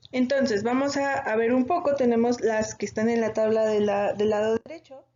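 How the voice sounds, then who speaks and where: A woman's voice: on the high side, a little mellow. Mexican woman teaching with many fillers. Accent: Mexican Spanish. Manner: explanatory, frequent "eh" fillers and self-corrections. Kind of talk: online exam-prep lesson. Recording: dull lo-fi audio with faint noise.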